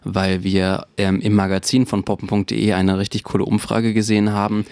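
A man's voice: on the low side, level tone, normal speed, a little mellow, clean tone, dry recording. A man in his twenties co-hosting a podcast, chatting casually and frankly, laughing often. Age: 20s. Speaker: podcast co-host.

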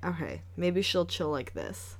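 A woman co-hosting a casual podcast at home, reacting quickly and chatting easily. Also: low-pitched, wildly swooping pitch, vocal fry. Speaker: podcast co-host. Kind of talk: casual chat. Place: at a table at home.

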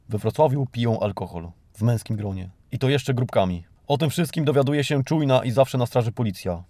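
Through a dry recording comes a man from Poland with a mellow, medium-pitched voice, hosting a podcast. His scripted monologue mocks the news in an ironic, theatrical, mock-grandiose way.

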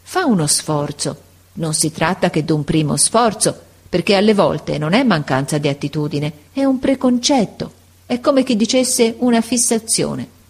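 A woman's voice: on the low side, lively intonation, a little slow, a little mellow, breathy edge, full character voice. A woman voicing a sick old male schoolteacher who speaks tenderly and with sighs. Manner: tender, sighing, encouraging.

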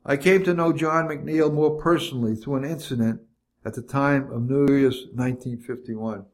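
An older man reading his own memoir aloud in a measured, reflective way. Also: medium pitch, steady tone, a little mellow. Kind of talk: scripted memoir narration.

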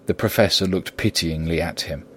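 A man narrating a gothic novel as an audiobook, in a calm, measured reading. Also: low-pitched, husky. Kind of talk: scripted narration.

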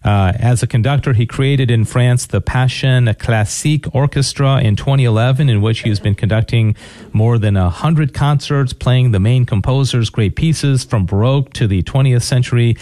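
A man hosting a radio interview, reading a guest's bio in a relaxed way with fillers. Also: medium pitch, moderate pace, no room sound.

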